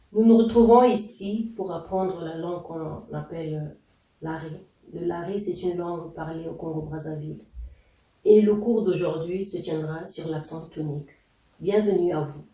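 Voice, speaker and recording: Slow-spoken man teaching a language lesson. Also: a little high, steady tone, dark tone, recorded from a distance. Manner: slow, deliberate explaining with fillers. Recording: echoey room, voice off-mic.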